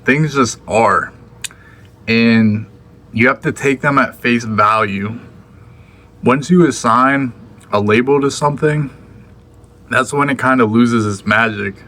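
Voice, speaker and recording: A man's voice: medium pitch, slow, long pauses, bright, forceful tone. Laid-back young man vlogging. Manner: laid-back, slangy, talks with mouth full. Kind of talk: casual vlog chat.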